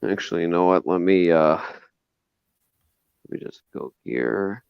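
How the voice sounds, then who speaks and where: Chatty stream host, low smooth voice. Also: male voice, expressive, measured pace, no echo. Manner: chatty, playful, stumbles and restarts. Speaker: livestream host. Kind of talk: casual stream chat. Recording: slightly muffled stream audio.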